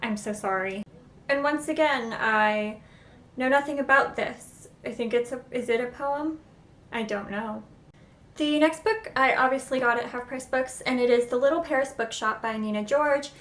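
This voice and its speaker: A young woman chatting casually in a book vlog, excitable and self-deprecating, often unsure how to say names. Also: high-pitched, moderate pace. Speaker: booktuber. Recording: echoey room.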